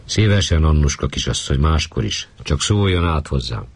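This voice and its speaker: A man's voice: rumbling low, lively intonation, husky, pitched above the performer's own voice, full character voice. A man doing a kindly chimney sweep. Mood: friendly. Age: 30s. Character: kindly 35-year-old chimney sweep, plain and steady.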